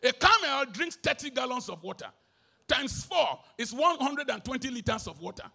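A Nigerian man preaching with a very high, bright, sharp voice and a gravelly edge. His delivery leaps from shouts to low mutters, with pidgin mixed in. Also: sing-song, normal speed. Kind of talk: sermon. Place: live concert stage.

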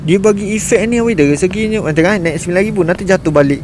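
A man's voice: sits high, quick pace, noisy background. A man with a Malaysian Malay accent giving casual, exasperated commentary while streaming a management game and talking to his viewers.

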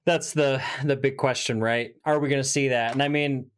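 A man's voice: medium pitch, fairly even intonation, moderate pace, clear, resonant tone. A man hosting a podcast interview in a casual way, often adding "right?" and "you know". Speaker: podcast host.

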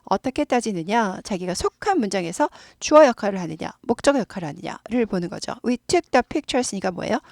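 A woman's voice: mid-range voice, lively intonation, brisk, gravelly, few pauses, darkish tone, no room sound, studio quality. A woman teaching English grammar in Korean, explaining patiently and repeating phrases again and again for students to copy. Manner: patient, repeats words many times for practice. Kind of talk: explaining grammar and leading repeat-after-me drills.

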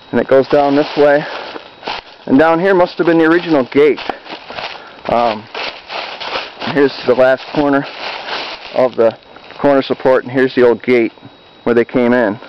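A man giving a casual, unhurried walking narration as he films in the woods, often pausing with ums and uhs. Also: medium pitch, a little hiss or hum. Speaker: amateur videographer exploring a cemetery. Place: woods, outdoors. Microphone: handheld camcorder mic. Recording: dull lo-fi camcorder audio with faint outdoor ambience.

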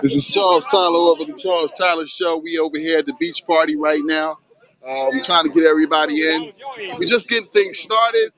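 Guy vlogging on the beach w a phone, high-ish voice, streetwise hype talk, muffled lo-fi sound. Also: a little fast, fairly bright tone. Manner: loose, hyped streetwise talk. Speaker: vlog host. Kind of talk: casual handheld beach vlog. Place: outdoors on a sunny city beach. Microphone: handheld phone camera. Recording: dull lo-fi phone audio.

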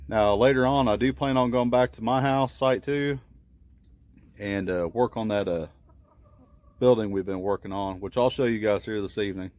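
A man's voice: fairly low pitch, normal speed, a little mellow. A man in his thirties, plain-spoken and folksy, talking casually while building a chicken run outdoors and filming on a handheld phone. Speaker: homesteader showing a build. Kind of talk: casual how-to vlog. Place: outdoors in wooded yard by chicken coop. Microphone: handheld phone camera.

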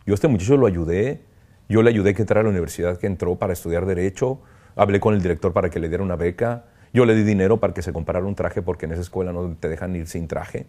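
A deep, low-pitched man speaks in a soft, mellow tone. He is a priest giving a heartfelt interview, talking earnestly with halting pauses and reflective asides. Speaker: priest, kidnapping survivor interviewee. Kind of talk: emotional interview testimony.

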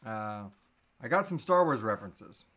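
This livestream host, a man in his thirties, keeps things playful and jokey as he answers questions off the cuff from a computer mic in a small home room. He speaks at normal speed in a fairly low, fairly bright, very animated voice.

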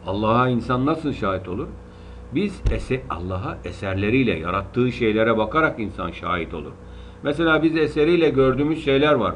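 A man with a Turkish accent teaching Quran reading, patiently drawing out syllables and drilling them again and again. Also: on the low side. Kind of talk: slow spelling-out lesson. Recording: dull lo-fi recording with faint hiss.

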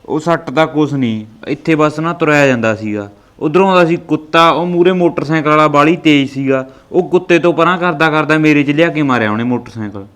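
A man playing a grown son who calmly explains how he got hurt. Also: on the high side, brisk, few pauses, close to an everyday voice. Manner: calm, explaining. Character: injured grown son, calm and patient.

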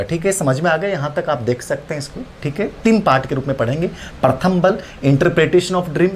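A male teacher delivers an exam-prep psychology lesson at a middle pitch. He poses questions and answers them straight away, often closing a point with "okay." A faint background hiss sits under his voice. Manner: tags lines with "ठीक है".

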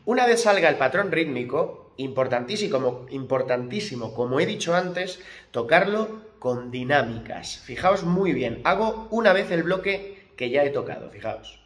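A man's voice: fairly high pitch, sing-song, unhurried, a bit bright. A man teaching guitar, stressing key points and voicing the strum rhythms aloud. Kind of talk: guitar lesson explanation. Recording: roomy echo with acoustic guitar.

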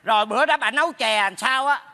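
A meddling neighbor teases and mocks in quick bursts with a Southern Vietnamese accent. His voice sits high and sounds bright. He keeps up a stage comedy sketch's brisk banter. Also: vocal fry, long reverb tail, heavily acted. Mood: mocking. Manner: quick, mocking teasing. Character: meddling, teasing male neighbor.

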